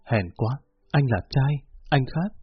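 A man voicing a gentle young man who comforts a friend in a soft, earnest voice, on a muffled lo-fi recording. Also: medium pitch, animated, measured pace, breathy edge, no room sound. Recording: muffled lo-fi with faint music.

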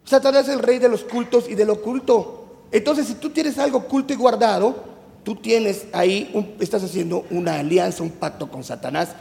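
A man with a Mexican Spanish accent gives a youth sermon, chatty and teasing and firing questions at the crowd. His voice sits high with a gravelly edge. The long reverb of a church hall trails every phrase. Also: moderate pace, a little mellow. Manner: chatty, teasing, quizzes the audience. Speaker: youth preacher. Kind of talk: youth sermon to a live congregation.

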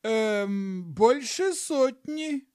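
A man voicing a crowd of old peasant ghosts who talk in drawn-out, howling tones. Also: sits high, expressive, darkish tone, clear, resonant tone, no echo, clean studio sound, voice pushed up, full character voice. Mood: plaintive. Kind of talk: audiobook narration.

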